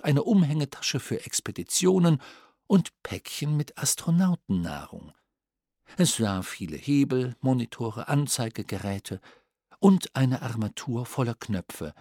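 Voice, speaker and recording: A man reading a children's storybook aloud in an expressive, playful manner. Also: medium pitch, slightly rough, dry recording, studio quality. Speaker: audiobook narrator. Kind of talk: storybook narration.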